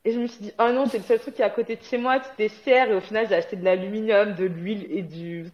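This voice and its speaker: Through dull lo-fi audio, this Guadeloupean woman speaks fast in a medium-pitched, steady, slightly mellow voice. As an interview guest she's chatty and casual, hesitating often and breaking into laughter.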